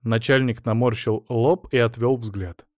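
A man reading an audiobook as narrator, in measured storytelling. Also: medium pitch, steady tone, a little mellow, no room sound, clean studio sound. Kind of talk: scripted narration.

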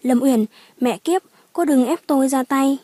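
A woman voicing a furious, grieving man in his thirties who shouts and curses in an audiobook drama. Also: high-pitched, unhurried, no echo. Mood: enraged. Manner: shouting, cursing.

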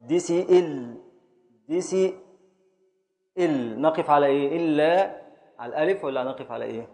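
A man with an Egyptian Arabic accent, teaching a class as a sheikh, slowly chanting syllables of poetic meter and calling on students by name to answer. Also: on the high side, dark tone. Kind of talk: classroom lesson, quizzing students.

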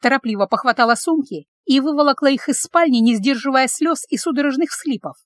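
A woman's voice: sits high, brisk, dry recording, clean studio sound. A woman narrating a dramatic audiobook story with emotion.

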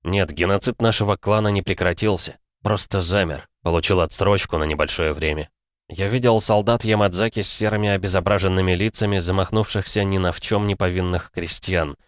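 A man narrating fiction for an audiobook in a measured, dramatic way, on a close mic. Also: low voice, steady tone, no room sound.

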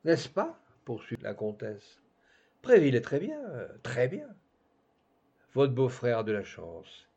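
A man voicing a sharp-tongued, arch society countess who gossips in a teasing, mocking way. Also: mid-range voice, wildly swooping pitch, takes it slowly, vocal fry, slightly rough, heavily acted. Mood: gossiping. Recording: dull lo-fi recording.

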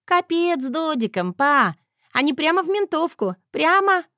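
A woman voicing a cheeky, excitable teenage girl who yells gleefully in slang. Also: high-pitched, a little fast, dry recording, clean studio sound, voice pushed up, close to an everyday voice. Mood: thrilled.

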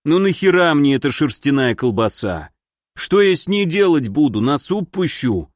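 A man voicing a burly, panicky man who pleads and protests in a drawn-out, whining way. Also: on the high side, big pitch swings, no room sound, clean studio sound. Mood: pleading. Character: panicky big burly man, whiny and stubborn. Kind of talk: audiobook character voice.

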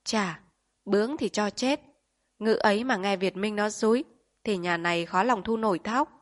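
A woman's voice: mid-range voice, moderate pace, close to an everyday voice. Contemptuous landlord, dismissive sneer, read by a woman. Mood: scornful. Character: scornful rich landlord man, contemptuous.

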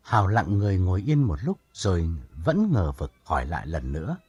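A man narrating an audiobook story in a calm storytelling manner. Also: low-pitched, fairly quick, slightly rough, dry recording, soft background music.

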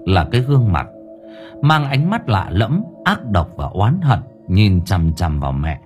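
A man narrating a horror story in an expressive, dramatic way. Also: on the low side, measured pace. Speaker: audiobook narrator. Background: faint music.

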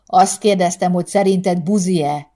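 A woman voicing a gruff, drunk working-class husband who speaks in a bitter, strained way. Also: lowish voice, fairly even intonation, darkish tone. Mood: harsh.

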